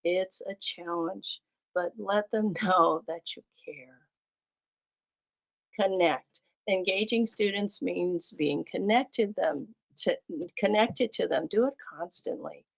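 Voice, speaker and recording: A woman's voice: on the low side, takes it slowly, gravelly, poor audio. A woman who teaches second grade, telling personal classroom stories in a livestreamed talk and acting out her exchanges with students. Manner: acts out classroom scenes with her students, lively and animated.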